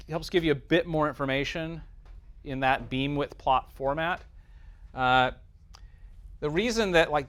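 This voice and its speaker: This male lecturer's voice is clean, fairly high-pitched and fairly bright. His teaching style is casual and explanatory as he works through technical content, and he keeps checking in with the class by saying "right" and "okay."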